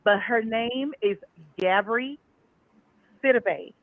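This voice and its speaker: A woman's voice: a little high, takes it slowly. A woman calling in to a talk show over a phone line, trading playful, teasing banter with the hosts. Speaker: caller. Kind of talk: call-in chat.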